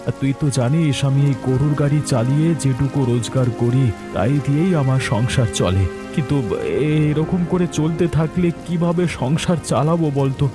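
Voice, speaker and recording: A man's voice: medium pitch, normal speed, music in the background, close to an everyday voice. A man voicing a poor, kind-hearted ox-cart driver in a cartoon, earnest and worried. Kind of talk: Bengali cartoon voice acting.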